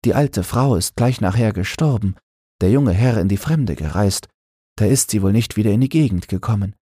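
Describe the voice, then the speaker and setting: Man putting on a gentle old boatman's wife. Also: lowish voice, animated, normal speed, slightly rough, no echo, studio quality, voice pushed up.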